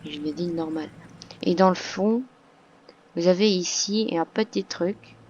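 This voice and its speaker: Slow, hesitant woman explaining a game. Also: lowish voice, a little mellow, husky, muffled recording. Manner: hesitant, many fillers and restarts. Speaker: game tutorial narrator. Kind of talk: casual tutorial voice-over. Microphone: computer microphone.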